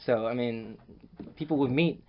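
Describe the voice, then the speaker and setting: A man's voice: mid-range voice, normal speed, highs cut off, a little hiss or hum. A man in his forties from Cambodia, a filmmaker chatting as a podcast guest, rambling with many restarts and repeated words. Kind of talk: casual interview chat. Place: on a boat in a harbor.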